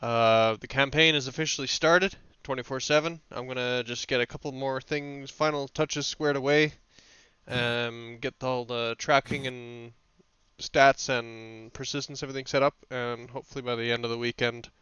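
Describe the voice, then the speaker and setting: A man's voice: medium pitch, steady tone, normal speed, sharp tone, clear, resonant tone, no room sound. A man acting as game master, chatting casually and teasing the players during a mission debrief over voice chat. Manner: laid-back, laughing, teasing. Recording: dull lo-fi voice chat.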